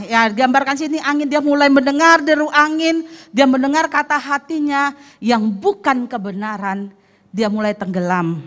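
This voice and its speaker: A woman pastor preaching a lively sermon, acting out the story and putting questions to the congregation. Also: high voice. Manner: animated, acts out the story and asks the congregation questions. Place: church service.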